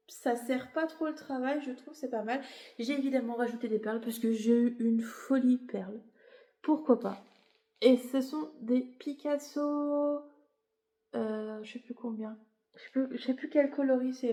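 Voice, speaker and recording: Her voice a little high and warm, reverberating in the space, a woman shows off her knitting in a casual, rambling explanation. She has a cold and sounds a bit tired, and her vlog is peppered with fillers and self-corrections.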